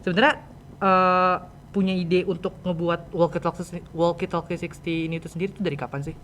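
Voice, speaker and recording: A young man, teenage or young adult, with a Jakarta Indonesian accent hosts a podcast as a casual, chatty interview. His voice is high and a bit bright with little pitch movement, brisk, informal, and addressed straight to listeners. The audio is clear, with background noise and room ambience.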